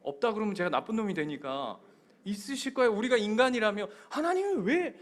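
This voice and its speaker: A man's voice: high-pitched, fast. A male pastor preaching a sermon in a church, telling stories with energy and putting questions directly to the congregation. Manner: animated storytelling. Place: church sanctuary.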